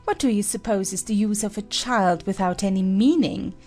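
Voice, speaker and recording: A woman's voice: mid-range voice, normal speed, warm tone, soft background music, natural voice. A woman playing a stern, bossy, haughty queen who lectures sharply in a storybook drama. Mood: impatient.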